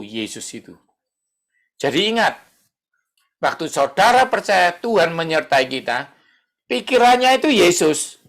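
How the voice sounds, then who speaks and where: A man's voice: medium pitch, a bit bright. A middle-aged male pastor, preaching a conversational sermon and acting out prayers.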